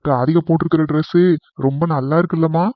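A man's voice: fairly high pitch, steady tone, brisk, no room sound, lightly acted. A man voicing a mild, pleading young husband, tinny sound. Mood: placating. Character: easygoing young husband caught in the middle. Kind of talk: cartoon comedy voice acting.

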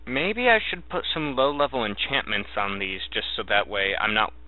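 A man giving casual, halting game commentary, thinking aloud as he plays. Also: medium pitch, sing-song. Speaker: gamer narrating a let's play. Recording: thin, narrow phone-like sound.

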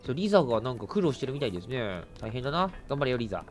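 Chatty game streamer. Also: male voice, mid-range voice, very animated, racing, soft background music. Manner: chatty, exclaims and mutters at the game. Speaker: let's play streamer. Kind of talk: casual game commentary.

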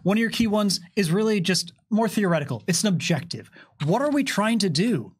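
Here the co-host is a man in his thirties, a game developer walking viewers through tabletop rules in relaxed conversation. He has a high, animated voice, fairly quick, with a breathy edge. The setting is a small curtained studio where he sits at a table before a boom-mounted mic.

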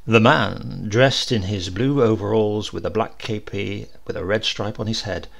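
A man with a voice on the low side, full of vocal fry, reads a literary short story aloud as an audiobook narrator. He keeps the storytelling expressive and measured.

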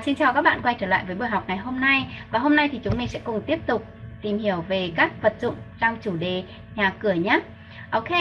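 A woman teaching English vocabulary with a Vietnamese accent, patient and clear, slowly repeating each sound for young learners. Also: mid-range voice. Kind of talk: online vocabulary lesson. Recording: dull lo-fi sound.

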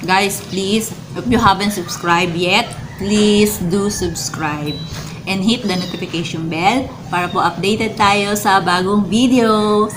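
A woman's voice: mid-range voice, measured pace, hardly any pauses, noisy background. A Filipino woman vlogger doing a casual mukbang, talking to viewers in a chatty way as she eats and savours her food. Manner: talks while eating and savouring food; chatty, addresses viewers directly. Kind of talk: casual mukbang eating vlog, tasting sweets.

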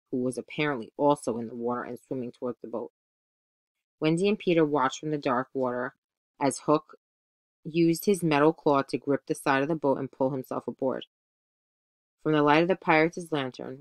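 A woman teacher reading a children's story aloud, expressive, now and then correcting a slip. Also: very deep voice, normal speed, no room sound. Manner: expressive, occasional self-corrections.

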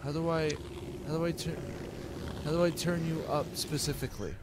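A man with a slightly raised voice trades crude jokes and yells while gaming with friends. Clear game sound runs behind his voice chat. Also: on the high side, fairly even intonation, a little fast. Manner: loud, crude, jokey, shouts at the game. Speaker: gamer in voice chat. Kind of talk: casual gaming banter. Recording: game noise underneath.

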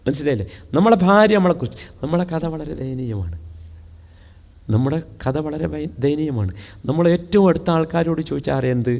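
A man preaching a sermon. He asks rhetorical questions and answers them himself, swinging from soft to shouted. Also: on the high side, lively intonation, normal speed, gravelly. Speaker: Islamic preacher. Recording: long hall reverb.

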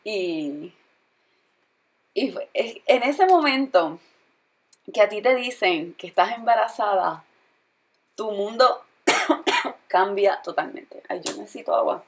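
A young woman chats through a storytime vlog in a loose, animated way. She talks at an ordinary pitch and keeps her retelling going with plenty of fillers. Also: takes it slowly, long pauses. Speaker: vlogger. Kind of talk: casual storytime chat.

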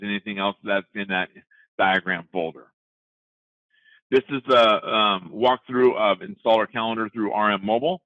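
A man giving a casual, step-by-step software walkthrough in a webinar. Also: on the low side, no room sound, phone-quality sound. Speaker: software trainer.

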